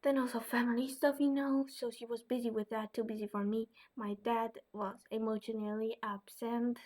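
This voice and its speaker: A young woman from the Netherlands, speaking with a Dutch accent, responds to viewers' questions in a relaxed vlog. Her voice is fairly high and flat, her pace moderate, and she sounds unsure, with lots of fillers and soft side remarks.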